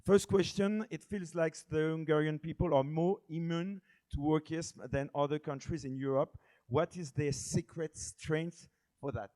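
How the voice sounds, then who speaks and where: A man with a French accent moderates a conference panel in a mellow, dark-toned voice. He introduces the speakers formally and puts questions to them in careful, non-native English. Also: on the high side, steady tone, unhurried, low-quality recording.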